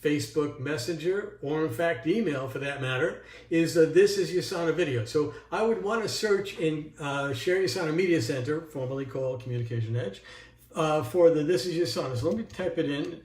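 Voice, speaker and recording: A man's voice: a little high, fairly quick, darkish tone, echoey room. A man presenting a casual workshop tutorial, talking while he clicks through screens, with frequent ums and restarts. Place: indoors at a computer.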